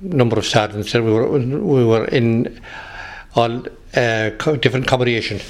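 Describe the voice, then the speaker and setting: A man in his sixties with a west of Ireland accent, recalling his working life in an interview in a halting, hesitant way. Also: medium pitch. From Galway, west of Ireland. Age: 60s. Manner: halting, hesitant delivery with repeated words. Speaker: interviewee, retired police officer. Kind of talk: recollection in an interview.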